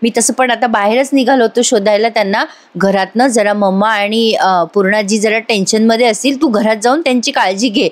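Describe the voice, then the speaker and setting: A woman's voice: a little high, steady tone, a little fast, lightly acted. A woman voicing a worried young husband who pleads and rambles anxiously in a TV serial recap. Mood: urgent. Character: worried young husband searching for his wife.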